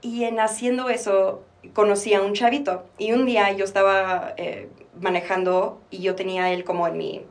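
A woman's voice: medium pitch, little pitch movement, moderate pace, distant mic. Candid young Mexican woman, reflective. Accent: Mexican Spanish. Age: 20s. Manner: open, reflective, slips in English phrases. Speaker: podcast guest. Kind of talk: candid personal interview.

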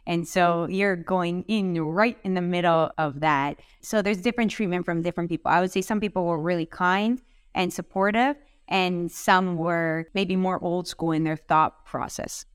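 Smooth-voiced woman executive, low pitch. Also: fairly even intonation, dry recording. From Canada. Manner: earnest, measured, often lists items. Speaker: company CEO, guest. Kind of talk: podcast interview.

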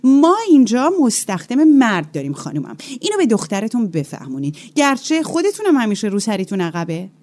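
A woman's voice: fairly high pitch, very animated, few pauses, darkish tone. A woman voicing a harsh, strict female schoolteacher who scolds with contempt. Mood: scornful.

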